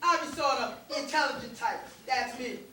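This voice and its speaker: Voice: high-pitched, moderate pace, a crowd in the background, close to an everyday voice. Someone playing a dim, boastful old sailor. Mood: folksy. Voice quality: rustic folksy dialect. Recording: echoey hall, distant mic.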